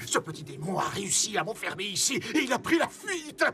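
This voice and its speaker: A man's voice: high voice, big pitch swings, a little fast, slight background noise, heavily acted. An actor voicing a vain, melodramatic male superhero puppet in a dubbed cartoon, boastful and over the top. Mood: dramatic. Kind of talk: French cartoon dub. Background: loud music.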